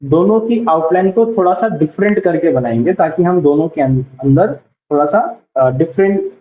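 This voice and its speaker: Man, shorthand teacher, high voice, patient step-by-step explaining, dull roomy sound. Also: dark tone. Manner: explains patiently, repeating each word as he writes it. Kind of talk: online lesson.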